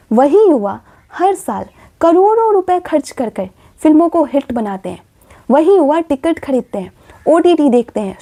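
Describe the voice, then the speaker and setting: Woman vlogger, high mellow voice, impassioned talk and rhetorical questions. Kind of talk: earnest commentary vlog.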